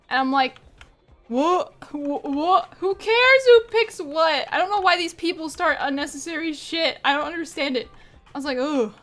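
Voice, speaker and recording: Woman streamer, bright high voice, loose chatty delivery, soft game music in the background. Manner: rambling, chatty, laughs often. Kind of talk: casual live-stream chat while gaming.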